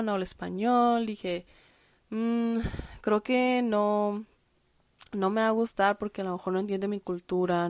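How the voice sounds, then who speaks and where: A woman podcast host living in the United States delivers a casual personal monologue, candid and chatty, full of fillers and self-corrections. Her voice is medium-pitched, and the sound is dry with no echo.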